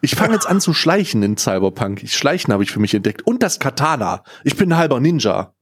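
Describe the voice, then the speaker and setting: A podcast co-host in casual chat, relaxed and chatty, who often stumbles over his words. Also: medium pitch, fairly quick, husky.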